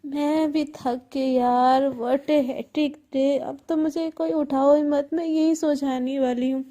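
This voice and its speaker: A woman voicing a cheerful, easygoing young woman with a relaxed, breezy way of talking. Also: high-pitched, moderate pace, close to an everyday voice.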